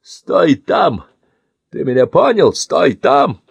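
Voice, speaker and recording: Threatening brute of a man, barks orders, hisses, husky and raw as a male narrator voices him. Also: mid-range voice, animated, slow, dry recording, pitched above the performer's own voice, heavily acted. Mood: menacing. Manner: barking, hissing threats. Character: brutal adult man, menacing and aggressive.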